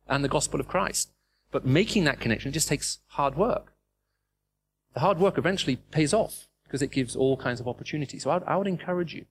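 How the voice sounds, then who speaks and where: A middle-aged preacher raised in the Middle East delivers a sermon in British-accented English to a live audience, with emphasis and plenty of rhetorical questions. His voice is mid-range, and the recording carries a little hiss or hum.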